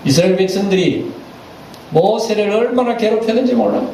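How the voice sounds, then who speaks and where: A male pastor preaching with a fairly high but mellow voice, lively and dramatic. He sits back from the mic, and the sound rings through a roomy church hall with faint background noise. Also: fairly quick, gravelly, far from the mic. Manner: animated, acts out quoted voices. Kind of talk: sermon.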